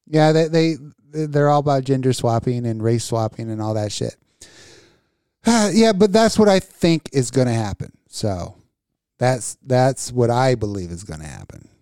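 A man's voice: mid-range voice, lively intonation, measured pace, warm tone, clean tone, no echo, studio quality. A man co-hosting a podcast in crude, casual chat, ranting with lots of swearing and laughing often. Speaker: podcast co-host.

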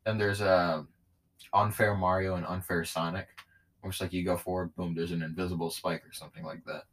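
A man with a somewhat low voice co-hosts a laid-back chat show. He rambles from one thought to the next and cracks jokes in gamer slang, keeping things loose. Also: flat delivery, brisk, a bit bright. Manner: rambling, jokey gamer banter. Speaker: podcast co-host. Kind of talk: casual chat.

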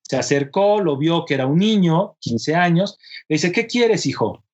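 Animated man retelling history. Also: a little high, moderate pace, lo-fi sound. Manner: animated retelling, acting out dialogue, frequent "¿no?" tags and fillers. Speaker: history storyteller. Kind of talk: conversational history storytelling.

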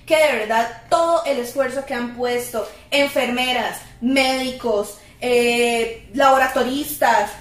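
Bubbly young Costa Rican woman co-host with a high voice, echoey room. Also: slow pace, hardly any pauses. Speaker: podcast co-host. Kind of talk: casual chat.

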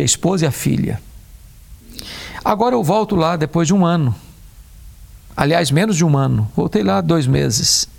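A man, a preacher talking about faith and grief in a measured way, slowing down to stress key words. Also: on the high side, gravelly, a little mellow.

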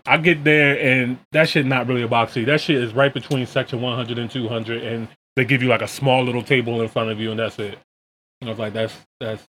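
Male American podcast host, mid-pitched, laid-back slangy chat, some background noise. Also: fairly even intonation, a little fast, pushed and bright. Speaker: podcast and reaction video host.

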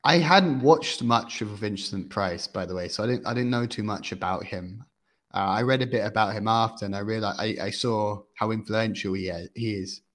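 A man's voice: lowish voice, normal speed, fairly bright tone. A man co-hosting a podcast, chatting casually about a film and often searching for his words with fillers. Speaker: podcast co-host. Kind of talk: casual film review chat.

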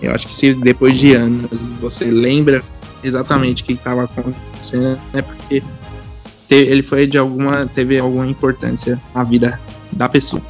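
Halting, mid-pitched Brazilian male co-host. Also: level tone, soft background music. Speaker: football talk show co-host. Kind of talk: casual chat.

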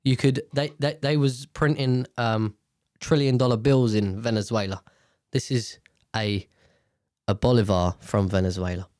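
A man's voice: medium pitch, steady tone, a little slow, darkish tone, no room sound, clean studio sound. Nasal, congested British man, talking casually. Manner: blunt, sweary, informal. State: blocked nose from sinus infection. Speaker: host. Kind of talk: casual rambling commentary, reading news aloud.

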